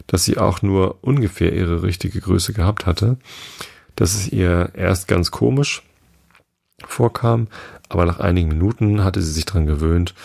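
A man's voice: sits low, creaky, darkish tone. A man narrating a children's storybook aloud, reading plainly with a few small slips.

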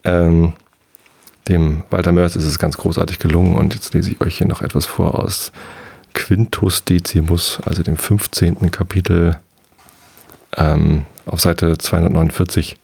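A man hosting a sleep podcast, rambling gently with fillers as he reads a bedtime story aloud. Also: low voice, flat delivery, a little slow, gravelly, husky. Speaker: podcast host reading aloud.

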